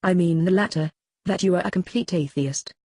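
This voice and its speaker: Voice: medium pitch, a little fast, a little mellow, no room sound, clean studio sound, natural voice. A reader voicing a stubborn male accuser in a courtroom dialogue, giving curt, insistent answers in a dramatic reading.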